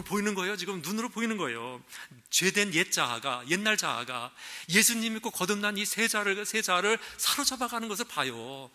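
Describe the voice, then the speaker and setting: A man's voice: sits high, sharp tone. A male pastor preaching a sermon, earnest and full of rhetorical questions, weaving a story into his message. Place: church sanctuary.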